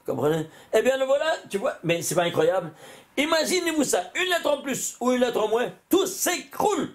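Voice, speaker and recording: A man, a rabbi, giving an animated Torah lesson, often exclaiming and putting questions to his listeners. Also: very high voice, fairly quick.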